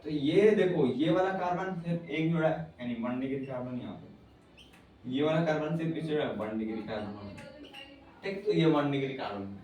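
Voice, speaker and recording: A man's voice: on the high side, normal speed, darkish tone. A man teaching chemistry at a whiteboard in a casual, teasing way, talking straight to his student. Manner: chatty, teasing, addresses student as bhai. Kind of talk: informal whiteboard lecture. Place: classroom with whiteboard. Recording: very echoey room, mic far off, faint noise.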